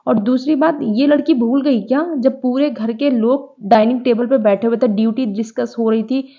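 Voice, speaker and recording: A woman's voice: fairly high pitch, moderate pace. A woman giving a chatty, opinionated recap of a reality show, judging the people in it as she tells the story. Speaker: TV gossip commentator. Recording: dull lo-fi recording.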